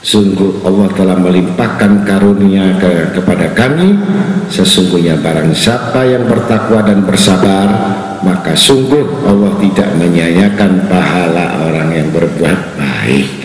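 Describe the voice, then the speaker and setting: A man teaching Quran commentary to a congregation in a relaxed, joking manner, acting out crying worshippers in high voices. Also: measured pace. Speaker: religious teacher. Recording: echoey hall, faint noise.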